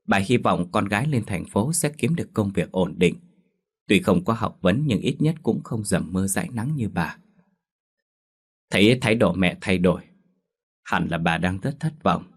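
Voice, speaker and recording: A man narrating a dramatic family story in a steady, measured storytelling manner. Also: deep voice, husky.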